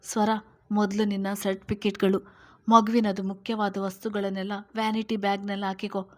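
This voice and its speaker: A woman voicing a firm young woman who calms her friend and gives brisk, clear orders in a storybook reading. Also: mid-range voice, lightly acted. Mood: instructing. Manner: firm, commanding, brisk instructions.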